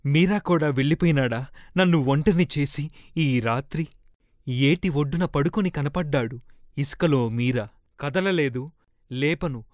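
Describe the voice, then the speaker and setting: A man with a slightly raised pitch narrates a novel for an audiobook. He reads the woman's first-person account with feeling, close to the mic in a dry, dead room. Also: dry recording. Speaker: audiobook reader.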